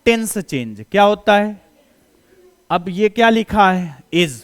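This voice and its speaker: A male teacher with a Hindi accent explains grammar rules in a smooth, resonant voice. He speaks slowly and pitches his voice fairly high. He fires short questions at his students and then answers them himself, coaxing and reassuring. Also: expressive. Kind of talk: classroom grammar lesson.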